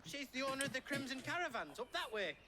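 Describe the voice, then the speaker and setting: A man's voice: extremely high pitch, big pitch swings, fast talker, pushed and bright, slight background noise, exaggerated voice. An actor playing a flustered male trader in a video game, anxious and apologetic. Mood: eager. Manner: anxious, apologetic, regional slang. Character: flustered male trader who lost his pass. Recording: game audio with faint ambience.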